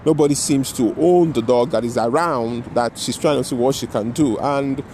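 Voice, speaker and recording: A man's voice: medium pitch, normal speed, darkish tone, a little hiss or hum. A man telling a personal story in a loose, rambling way, often checking in with "you know" and "right?". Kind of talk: casual storytelling monologue.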